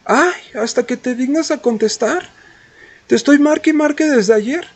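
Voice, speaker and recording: A man quoting a pushy young woman in a higher, whiny voice. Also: moderate pace, darkish tone. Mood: reproachful.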